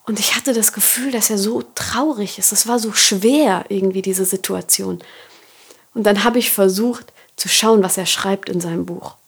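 A woman hosting a podcast, telling a personal faith story and reflecting on it in an earnest, softly confiding way. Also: medium pitch, normal speed, vocal fry, husky. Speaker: podcast host.

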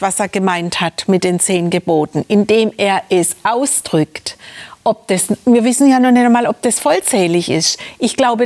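A woman talking through a Bible passage in a casual group discussion, earnest and searching, often asking rhetorical questions. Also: a little high.

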